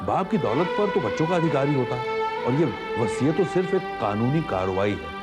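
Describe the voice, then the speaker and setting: An actor playing a greedy, scheming young husband in a TV serial drama, probing and defensive. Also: male voice, fairly low pitch, sing-song, moderate pace. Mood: angry. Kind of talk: TV serial acting. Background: loud background music score.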